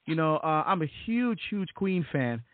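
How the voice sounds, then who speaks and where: A little slow but lively in intonation, a middle-aged Barbadian man with a fairly high voice, a deacon and author, tells his story in a casual interview. He uses many fillers and repeats, and the audio is tinny, phone-like, and dry.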